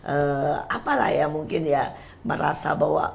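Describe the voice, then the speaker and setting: A woman's voice: sits low, measured pace, creaky, slight background noise. An older woman hosting a casual talk show, chatty and teasing as she asks her guests questions. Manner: chatty, teasing, laughs often. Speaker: host.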